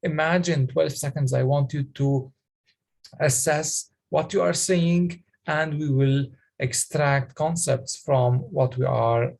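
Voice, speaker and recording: A man coaching public speaking on a video call, talking haltingly with many fillers and restarts. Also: fairly high pitch, vocal fry, darkish tone. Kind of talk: online coaching session.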